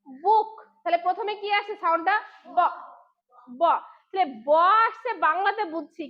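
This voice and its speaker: A woman teaching phonics to young children, sounding out each letter sound and asking questions. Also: very high-pitched. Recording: dull lo-fi sound.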